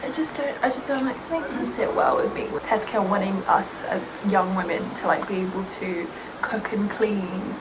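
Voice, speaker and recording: There's background noise as this young vlogger, whose first language is Serbian, talks at a normal pace in a mid-range voice. She chats casually and sarcastically while getting ready, animated and given to imitating aunties and others.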